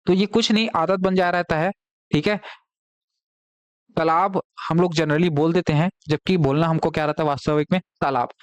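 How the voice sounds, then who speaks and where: A man's voice: a little high, fairly even intonation, normal speed, no room sound. A man teaching a live online exam-prep class from a classroom, with a Chhattisgarh Hindi accent, explaining patiently, repeating key words and asking students questions.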